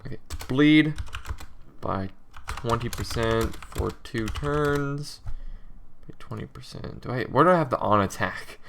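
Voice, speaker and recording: A man's voice: fairly low pitch, sharp tone. Drowsy young man thinking aloud while coding. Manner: thinks aloud, self-correcting, halting with many pauses. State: drowsy, just woke from a nap. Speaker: game developer coding tutorial host. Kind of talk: casual screen-recorded coding commentary.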